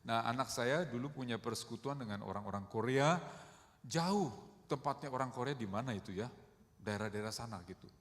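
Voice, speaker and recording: A middle-aged man preaching a sermon in a conversational way, often calling the congregation "saudara" and acting out quoted speech with big swings in loudness. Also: mid-range voice, a little fast. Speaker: pastor. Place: church hall. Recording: long hall reverb.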